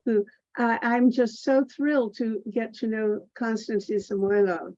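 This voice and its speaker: A woman's voice: fairly high pitch, warm tone. A woman hosting an online town hall, introducing guests eagerly with many restarts. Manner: enthusiastic, halting introductions with restarts. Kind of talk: hosting a video call meeting. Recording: dull lo-fi call audio.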